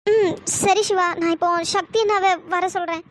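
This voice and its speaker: A tearful, very high young woman. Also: steady tone, moderate pace. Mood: tender. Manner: pleading, soft-hearted. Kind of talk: cartoon storytelling dialogue.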